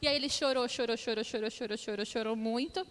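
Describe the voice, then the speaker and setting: A woman's voice: fairly high pitch, fast, a bit bright. A woman in her thirties preaching a conversational sermon, telling family stories and often checking in with the congregation. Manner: storytelling with frequent tag questions to the congregation. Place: church hall. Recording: long church hall reverb.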